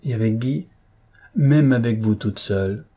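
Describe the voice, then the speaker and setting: A man voicing a lively, candid young wife in a read-aloud novel, raising his voice for her. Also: mid-range voice, normal speed, slightly rough, lightly acted. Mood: earnest.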